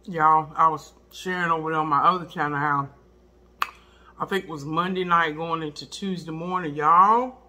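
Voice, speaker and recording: A middle-aged woman with a very bright, forceful voice, chatting casually over her food. She chews while talking and speaks in a folksy, expressive manner, repeating words for emphasis. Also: sits low, moderate pace. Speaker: mukbang video host. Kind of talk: casual chat while eating.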